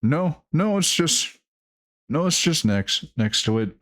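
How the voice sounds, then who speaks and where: A man giving casual reaction commentary in a halting way, often repeating his words and phrases. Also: a little high, very animated, a bit bright.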